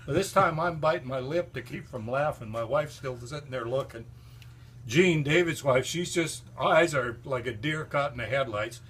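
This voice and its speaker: An older man with a medium-pitched, fairly bright voice and a breathy edge speaks at a moderate pace. He tells folksy, rambling stories about a longtime friend while endorsing that friend's books, all in a casual storytelling style.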